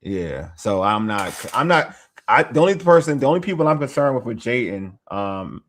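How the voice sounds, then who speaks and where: A man in casual talk-show banter, speaking at a middling pitch. He rambles and restarts his thoughts, gets excitable, and laughs a lot. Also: moderate pace. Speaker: podcast host. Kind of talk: casual sports chat.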